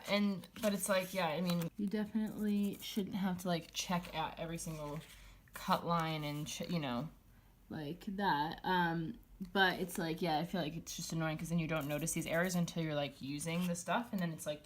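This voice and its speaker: A young woman with a slightly low voice chats casually while she works on a planner, thinking aloud as she goes. She rambles with plenty of likes and ums. Faint clicks of crafting sit quietly behind her. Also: a little hiss or hum. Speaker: planner vlogger.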